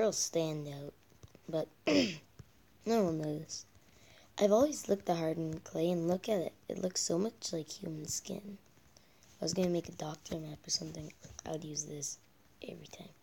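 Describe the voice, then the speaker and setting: A male gameplay vlogger chats casually while building, often muttering and half-whispering as he counts blocks under his breath, with rambling asides. His voice is fairly high, creaky and mellow, at a moderate pace.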